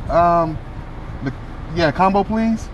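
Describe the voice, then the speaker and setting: A young man in his car ordering at a fast-food drive-through, stumbling and restarting as he works out the menu. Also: high voice, muffled recording, slight background noise. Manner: hesitant, stumbling over the menu. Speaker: food vlogger.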